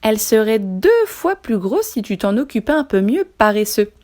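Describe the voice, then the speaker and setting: A woman's voice: fairly high pitch, big pitch swings, moderate pace, a little mellow. A woman voicing a cheeky caterpillar hidden in a watermelon, pretending the fruit can talk and teasing the animals. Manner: teasing, mocking.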